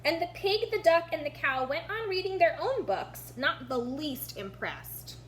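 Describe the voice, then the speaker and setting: With a high, sing-song, fairly bright voice at a measured pace, a woman reads a children's picture book aloud expressively, talking about the illustrations for young listeners. The recording carries a noticeable hum.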